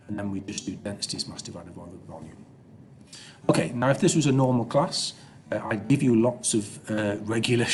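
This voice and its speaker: A man's voice: mid-range voice, a little mellow, slight background noise. A man teaching an informal recorded science lesson over slides in an explanatory manner, often checking with okay and yeah.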